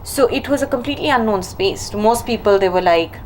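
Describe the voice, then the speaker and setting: A woman from Lahore talks as a guest, relaxed and candid, and tells her story with plenty of ums. Her pitch is middle for a woman. Faint background noise sits beneath the conversation. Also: brisk, poor audio. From Lahore, Pakistan. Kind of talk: casual interview chat.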